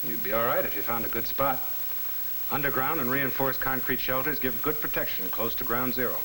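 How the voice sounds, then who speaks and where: A man's voice: mid-range voice, fairly quick, bright, forceful tone, slight background noise, lightly acted, low-quality recording. A man playing a blunt military instructor in a 1950 civil defense training film, with an American accent and slangy, scripted delivery. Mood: matter-of-fact. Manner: blunt, slangy, hard-boiled. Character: blunt, wisecracking military instructor drilling servicemen. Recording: vintage 1950 film soundtrack with music.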